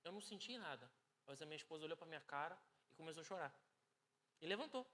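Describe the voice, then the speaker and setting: A man with a Brazilian Portuguese accent preaching a sermon with personal testimony, moving from hushed storytelling to loud exhortation. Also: fairly high pitch, lively intonation, quick pace. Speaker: pastor. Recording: long hall reverb.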